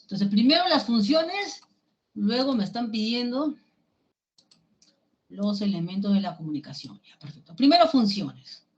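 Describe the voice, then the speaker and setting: A woman's voice: a little high, very animated, darkish tone, muffled recording. A woman with a Peruvian accent teaching a language class, walking students through each example with questions. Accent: Peruvian Spanish. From Peru. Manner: slow, explains step by step with questions to the class.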